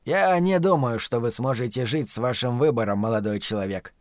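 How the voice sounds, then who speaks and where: A man's voice: mid-range voice, fairly quick, no room sound, clean studio sound, natural voice. A man voicing a formal, contemptuous older scholar. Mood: scornful.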